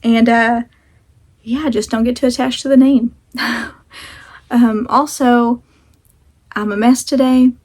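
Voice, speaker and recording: A woman's voice: fairly high pitch, fairly even intonation, slow pace, long pauses, a little mellow. A woman chatting casually to camera as a vlog host, rambling and self-deprecating, talking with a sore jaw that slightly restricts her mouth.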